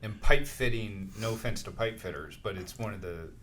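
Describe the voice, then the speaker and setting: A low-pitched man hosts a relaxed company podcast. He fires off quick questions and keeps agreeing as his guest talks. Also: a little hiss or hum. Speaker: podcast host. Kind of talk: casual interview chat.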